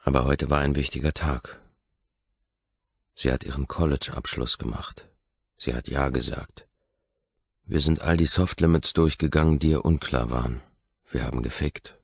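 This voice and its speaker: A man with a gravelly, husky voice reads an audiobook in steady, intense first-person narration. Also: extremely low pitch, moderate pace, pauses often, dry recording. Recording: dry, slightly muffled recording.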